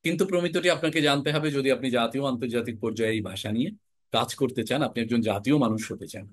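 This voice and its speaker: A young man from Bangladesh teaching a class on recitation and speech, lively and animated, often dropping into regional dialect examples. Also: mid-range voice, fast, dry recording. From Jhenaidah, Bangladesh. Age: young adult. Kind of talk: classroom lecture.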